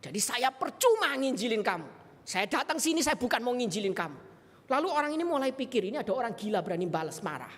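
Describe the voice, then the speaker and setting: A woman's voice: a little high, fast. A woman preacher, delivering a sermon and acting out the people in her stories. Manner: animated storytelling, acts out dialogue. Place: church sanctuary. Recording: reverberant church hall.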